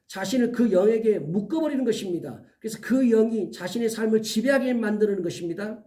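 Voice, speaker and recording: A male pastor preaching an earnest sermon, giving emphatic warnings and slowly listing items one by one. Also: high-pitched, expressive, mellow, recorded from a distance.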